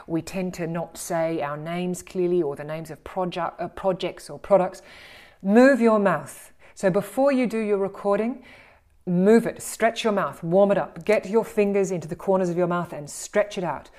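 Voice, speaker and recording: A woman with an Australian accent, teaching voice and speaking skills in an animated, encouraging way and acting out the exercises she describes. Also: fairly low pitch, moderate pace. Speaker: voice and communication coach. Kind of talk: instructional talk on speaking skills.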